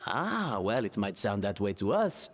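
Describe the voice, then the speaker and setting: A man's voice: on the low side, big pitch swings, unhurried, long reverb tail, a little hiss or hum. An actor playing a courtly male restaurant patron with a French accent and a theatrical, flamboyant manner.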